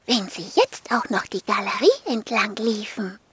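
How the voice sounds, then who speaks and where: A woman reading a children's story aloud in a soft, half-whispered storytelling voice. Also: mid-range voice, measured pace, breathy edge, no echo.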